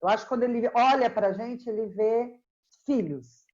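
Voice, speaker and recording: A middle-aged woman, a historian being interviewed, speaking slowly and earnestly in a relaxed, reflective way. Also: on the high side, lo-fi sound. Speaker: historian guest. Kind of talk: casual interview chat.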